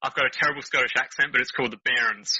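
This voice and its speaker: A man's voice: mid-range voice, steady tone, racing, bright, forceful tone, husky, dry recording, dull audio. A young man, chatting casually as a guest on a podcast, with lots of fillers and laughter. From Australia.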